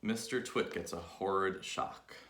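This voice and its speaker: A man reading a children's book aloud with lively, expressive storytelling, in an echoey room. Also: low voice, measured pace. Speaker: reader.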